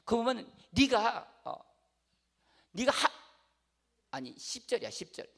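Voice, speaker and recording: High, gravelly-voiced preaching man. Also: big pitch swings, measured pace, a bit bright. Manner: emphatic, repeats phrases, asks the congregation "아시겠어요?". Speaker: pastor. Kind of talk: sermon.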